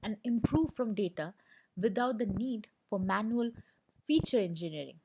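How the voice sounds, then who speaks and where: A woman presenting an explainer lesson as scripted narration, in a steady, read-aloud delivery. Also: mid-range voice, moderate pace, noisy background.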